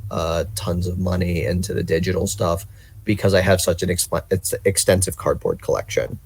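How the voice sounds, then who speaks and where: Man, low voice, casual podcast chat, profane, rambling rant. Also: fairly even intonation, normal speed. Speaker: podcast co-host.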